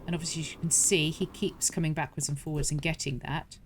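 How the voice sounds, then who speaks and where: Lower-pitched woman doing a chatty game walkthrough, explains each step, corrects herself as she goes, faint noise behind. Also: little pitch movement, fast talker. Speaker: gaming channel host.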